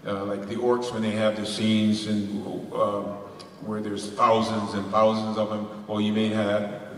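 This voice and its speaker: A man's voice: fairly low pitch, far from the mic. A man speaking as a voice actor on a convention panel, rambling with lots of restarts and laughs. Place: large convention hall. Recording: echoey hall recorded from afar.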